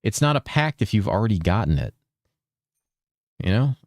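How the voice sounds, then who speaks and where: A laid-back young game streamer chats with viewers in a casual live stream while he plays, rambling, swearing a lot, and reading chat aloud. His very deep voice, held a little above its natural depth, has big pitch swings, normal speed, and a darkish tone. The sound is close and dry, with almost no room around it and no echo.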